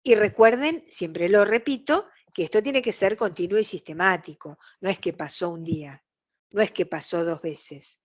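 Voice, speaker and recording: A woman's voice: mid-range voice, normal speed. Argentine woman giving an online lecture. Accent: Rioplatense Spanish. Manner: explanatory, acts out quoted dialogue. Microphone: video call.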